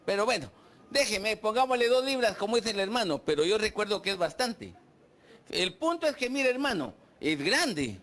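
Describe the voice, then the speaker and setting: A man's voice: high voice, very animated, moderate pace, fairly bright tone. A man preaching a sermon, putting questions to the congregation and acting out their complaints. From Guatemala. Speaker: pastor. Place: church.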